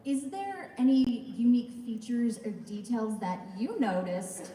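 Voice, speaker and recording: A woman interviewer putting measured questions to a guest at a fan convention. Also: fairly high pitch, sing-song, mellow. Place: large convention hall. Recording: roomy hall sound, mic from far off, faint crowd ambience.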